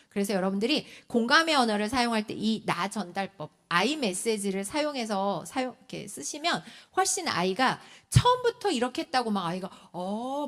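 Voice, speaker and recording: A woman in her forties giving a lecture on parenting at a church, acting out what children and parents say. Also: mid-range voice. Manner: animated, acts out children's and parents' lines.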